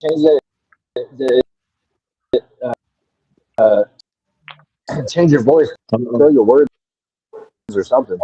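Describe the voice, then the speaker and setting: A man's voice: mid-range voice, warm tone, breathy edge, no room sound. Man's voice cutting out on a bad call. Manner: halting, broken-off phrases. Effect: voice cutting out over a bad network connection. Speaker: co-host reviewing songs. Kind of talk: casual chat on an online call. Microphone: online call. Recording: muffled, lo-fi call audio.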